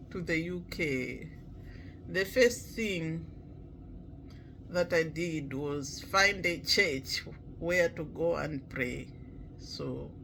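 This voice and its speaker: A man from Malawi, talking slowly and reflectively in a casual vlog, with many pauses and fillers. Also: a little high, bright, forceful tone, slight background noise, poor audio. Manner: halting, many pauses and "you know" fillers, clears throat often. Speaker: vlogger.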